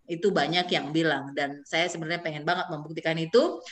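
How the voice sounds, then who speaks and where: A woman's voice: low-pitched, brisk. A woman with an Indonesian accent hosting a podcast in casual, chatty, informal style. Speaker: podcast host. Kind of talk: casual interview chat.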